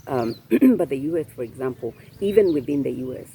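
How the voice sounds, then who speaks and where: Gravelly low-toned man explaining patiently. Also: big pitch swings, fairly quick, warm tone, a little hiss or hum. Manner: explains patiently, laughs often. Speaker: guest. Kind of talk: casual interview chat.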